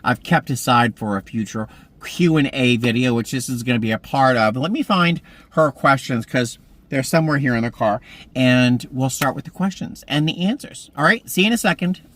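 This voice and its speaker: A man's voice: mid-range voice, lively intonation, normal speed, fairly bright tone. A man in his mid-fifties chatting casually to camera from a parked car, telling meandering stories. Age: 50s. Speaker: vlogger. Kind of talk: casual vlog chat.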